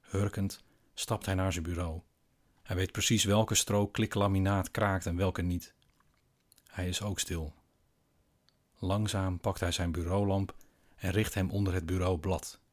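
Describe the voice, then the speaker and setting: A man narrating a scripted eerie bedtime story in a quiet, slow, hushed way with long pauses. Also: sits low, flat delivery.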